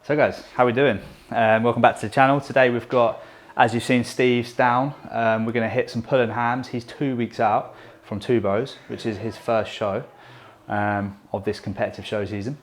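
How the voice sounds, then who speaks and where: A young man coaching and hosting a casual vlog, chatty and relaxed with frequent fillers. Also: mid-range voice, normal speed, slight background noise. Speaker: bodybuilding coach and channel host.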